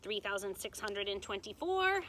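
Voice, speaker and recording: A woman's voice: mid-range voice, very animated, normal speed, noisy background, close to an everyday voice. A woman voicing a cold, greedy storybook witch who is curt, scornful and dismissive.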